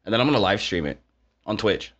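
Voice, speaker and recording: A man's voice: on the low side, animated, fast talker, a bit bright. A man co-hosting a casual podcast from a new office, laid-back, laughing and profane. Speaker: co-host and streamer. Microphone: desk mic without boom arm.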